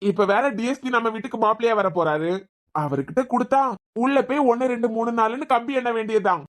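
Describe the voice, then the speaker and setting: A woman's voice: a little high, fast, lightly acted. A woman with a Kanyakumari Tamil accent voicing a cheeky young man who teases and jokes in a cartoon series. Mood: teasing. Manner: teasing, wisecracking. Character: joking young man, cheeky debt-ridden student. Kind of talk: cartoon web series dialogue.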